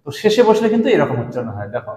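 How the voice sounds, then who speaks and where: A man's voice: fairly high pitch, big pitch swings, rapid-fire, a little mellow. A man teaching Sanskrit grammar in speech, patiently repeating examples and speaking directly to his students. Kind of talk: classroom grammar lesson. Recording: echoey room with long reverb.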